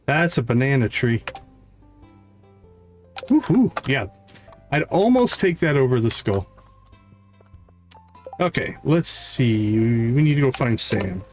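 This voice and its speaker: Over background game music, a livestream host talks casually while playing a video game, chatting and thinking out loud. His medium-pitched voice has lively intonation, but he speaks slowly and pauses often.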